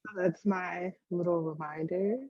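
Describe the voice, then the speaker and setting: A woman's voice: fairly low pitch, steady tone, measured pace, lo-fi sound. A woman from Guyana, a guest author, chatting playfully on a casual podcast.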